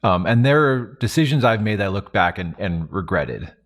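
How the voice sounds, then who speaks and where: A man's voice: fairly low pitch, expressive, moderate pace. A man talking in a casual roundtable, telling reflective stories with many fillers and restarts. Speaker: podcast host and advantage player.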